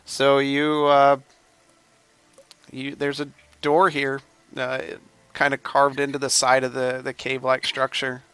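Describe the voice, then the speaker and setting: A man running a tabletop game as game master, describing scenes in an unhurried, descriptive way. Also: mid-range voice, completely flat delivery, a bit bright, smooth, no room sound.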